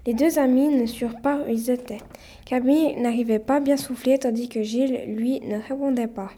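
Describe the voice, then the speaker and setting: High-voiced woman reading a story. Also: warm tone. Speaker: narrator. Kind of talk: read-aloud storytelling.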